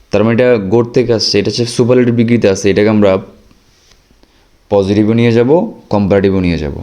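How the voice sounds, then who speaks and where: A Bangladeshi man teaches an exam-prep grammar lesson in a lowish, mellow, relaxed voice. He goes through each example patiently, repeating it slowly and stopping to check that his students understand. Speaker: English teacher.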